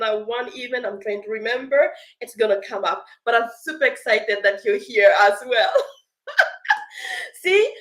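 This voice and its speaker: Cheerful high-voiced woman hosting a live stream. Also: fairly bright tone. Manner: cheerful, laughs often, reads comments aloud. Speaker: live session host, accessibility expert.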